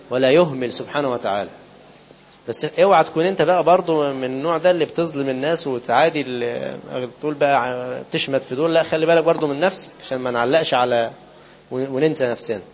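A man with an Egyptian accent giving a sermon in fast colloquial speech, asking rhetorical questions and slowing down to quote scripture. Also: on the high side, a little hiss or hum. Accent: Egyptian Arabic. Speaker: preacher. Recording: dull lo-fi recording.

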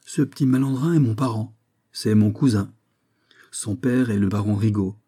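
A man playing a calm, dignified gourmet magistrate. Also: on the low side, normal speed, slightly rough. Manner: tranquil, dignified. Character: calm witty older male gourmet magistrate.

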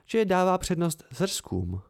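A man's voice: high voice, very animated, creaky, pitched above the performer's own voice, exaggerated voice. A man voicing a teasing, playful young woman in an amateur audiobook reading. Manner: teasing, lilting.

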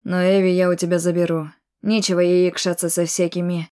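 A woman's voice: fairly low pitch, little pitch movement, brisk, warm tone, lightly acted. Woman voicing a commanding young nobleman mage. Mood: cool. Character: young nobleman mage, confident, arrogant brother.

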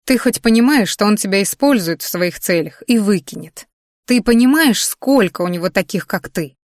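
A woman's voice: medium pitch, lively intonation, moderate pace, no room sound, clean studio sound, close to an everyday voice. A woman voicing a worried aunt in her late thirties who scolds and pleads with her niece in an audiobook. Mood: pleading, scolding.

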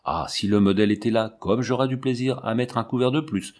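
Blunt elderly servant, outspoken, read by the narrator. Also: male voice, medium pitch, a little fast, lightly acted. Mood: wistful. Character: blunt old male servant.

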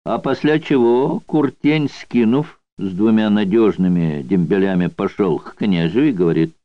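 A male audiobook reader voicing an unhurried, slangy convict storyteller who mocks with coarse barracks slang. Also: fairly low pitch, no room sound, lightly acted. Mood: mocking. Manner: coarse barracks slang, mocking yarn-spinning. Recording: dull dry studio recording.

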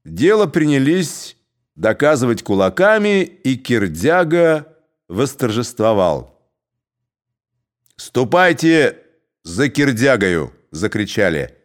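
A man narrating a classic tale as an audiobook, in an expressive, unhurried way. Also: mid-range voice.

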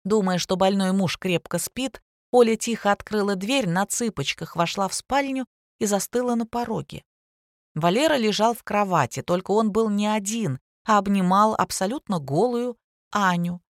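A woman narrating a scripted story in a steady, even manner. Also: medium pitch, normal speed, dry recording, studio quality.

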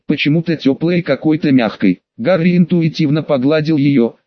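A man reading an audiobook in a measured, even storytelling manner, close to the microphone. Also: a little high, no echo, dull audio. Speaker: audiobook narrator. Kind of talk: scripted audiobook narration.

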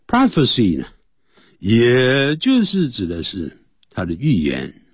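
A male English teacher on a radio lesson, his husky voice swooping high and low as he explains. He switches between Chinese explanation and slow, careful English readings, close to a dry studio mic. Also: huge pitch swings, no echo. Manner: explains Chinese and English in turn, reads phrases slowly.

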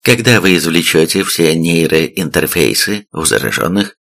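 A man's voice: low voice, animated, moderate pace, gravelly, a bit bright, heavily acted. Man voicing a curt, stern army captain. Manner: curt and commanding.

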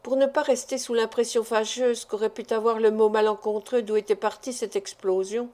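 A woman narrating a classic novel as an audiobook, with even, measured storytelling. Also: a little high.

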